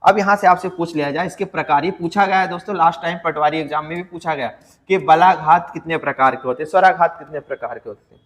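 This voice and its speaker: A male teacher giving an exam-prep grammar lecture, asking his students questions and answering them himself, and drawing out example words slowly to show stress. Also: on the high side, fairly bright tone, in a large hall. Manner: addresses students as friends, asks and answers own questions.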